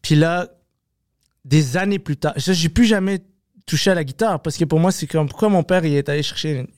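A man with a Québécois French accent, a comedian talking as a podcast guest, animated, swearing often and slipping into English. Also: on the high side, fairly quick, no room sound, studio quality. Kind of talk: casual podcast conversation.

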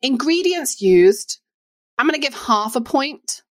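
A woman's voice: high-pitched, lively intonation, measured pace, no echo. Easygoing woman co-host, dry close sound. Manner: easygoing, giggly, reflective. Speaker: podcast co-host. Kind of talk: casual chat.

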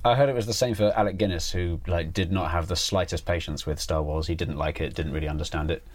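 A man, a guest comedian, chatting on a podcast with deadpan, absurd jokes. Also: deep voice, quick pace, no room sound. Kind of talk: casual podcast chat.

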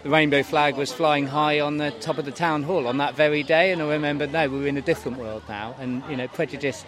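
Higher-voiced man talking amid a crowd. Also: steady tone, fast talker. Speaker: parent being interviewed. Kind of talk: heartfelt interview storytelling. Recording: busy outdoor crowd behind. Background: crowd outdoors.

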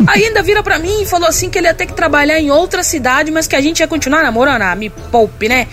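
Sassy high-voiced Brazilian woman. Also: quick pace, fairly bright tone, faint music behind. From Minas Gerais, Brazil. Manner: brash, sassy, punchy storytelling. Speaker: listener sending a voice message. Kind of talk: recorded voice message, casual.

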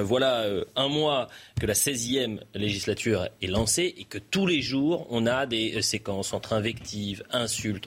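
A man hosting a TV news debate, his voice low and husky. He talks in a loose, conversational way and often pauses to hesitate. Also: fairly bright tone. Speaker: TV debate host.

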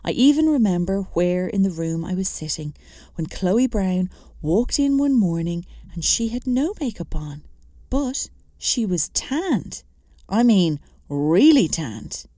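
A woman's voice: mid-range voice, sing-song, a little slow, dark tone, no room sound, clean studio sound. A woman reading a memoir aloud with wry, self-mocking comic timing. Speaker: narrator.

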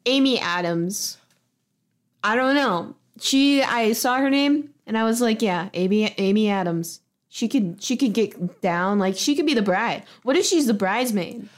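A woman co-hosting a podcast in relaxed casual chat, tossing out playful ideas and backing up her partner with mm-hmms. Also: a little high, unhurried. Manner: relaxed, backchannels with mm-hmm, playful suggestions. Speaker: podcast co-host.

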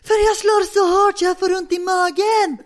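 A woman mimicking an indignant elderly female neighbor in a shrill, loud, drawn-out voice. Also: steady tone, slightly rough. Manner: high, loud, drawn-out complaints.

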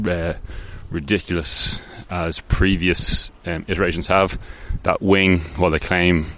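A man's voice: low voice, fairly bright tone. A man hosting a casual solo podcast, rambling along with many ums, restarts and offhand, self-deprecating asides. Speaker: podcast host.

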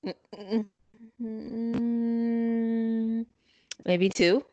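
A woman's voice: a little high, fairly even intonation, very slow, darkish tone, no echo, lo-fi sound. A woman co-hosting a casual chat podcast over a call, explaining things at length and thinking aloud. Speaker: podcast co-host.

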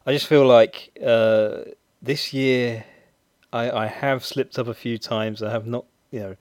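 A man's voice: mid-range voice, fairly even intonation, unhurried, a little mellow, no room sound. A man hosting a podcast in casual chat, rambling and hesitant with many fillers. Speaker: podcast host.

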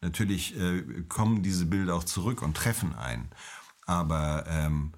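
A middle-aged man, an emergency doctor, answering interview questions in a calm, measured, explanatory way. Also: sits low.

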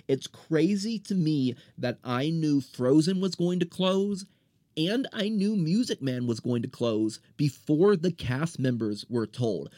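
A male podcast host on a fired-up solo rant, blunt and profane, tripping over and restarting words as he goes. His voice sits at an ordinary middle pitch. It is recorded dry and close, with almost no room sound. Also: a little mellow, no echo.

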